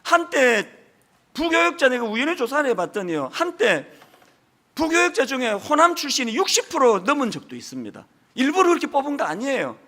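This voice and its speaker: This middle-aged senior pastor from South Korea's Gyeongsang region speaks with a strong Gyeongsang Korean accent, delivering a Sunday sermon. His voice is extremely high, sing-song and brisk. He preaches emphatically, building to forceful peaks and dropping in folksy asides.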